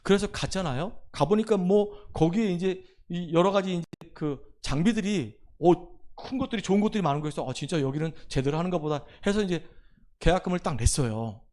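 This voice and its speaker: Middle-aged pastor guy, high voice, chatty storytelling sermon that swells into urging the church on. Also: fairly quick. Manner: conversational storytelling, drops to a hush for quoted lines, then rises to exhort. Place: church sanctuary.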